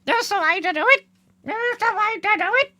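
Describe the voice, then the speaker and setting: A shrill, squawking Punch puppet chirps at the children in a cheeky singsong. The voice sits very high and cuts through with a bright, piercing edge. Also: male voice, lively intonation, normal speed, heavily acted. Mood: gleeful.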